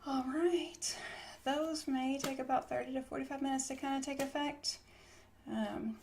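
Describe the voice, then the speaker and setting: Playing a trauma nurse in an ASMR medical roleplay, a woman with a fairly high voice explains each step in a casual, reassuring bedside manner. The background is noisy.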